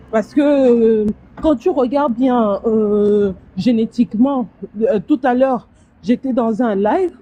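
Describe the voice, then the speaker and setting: Her voice is on the high side and dark in tone, in a rough recording with a little hiss or hum. She's calling a live stream from outdoors on the street, arguing hard in a heated casual debate and stumbling over repeated words.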